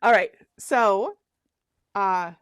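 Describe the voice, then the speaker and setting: On a casual livestream, a craft workshop host in her fifties talks extremely slowly in a clear, resonant, medium-pitched voice. She reads her viewers' comments aloud and chats with them, frequently laughing and restarting, and the audio is clean studio sound without echo.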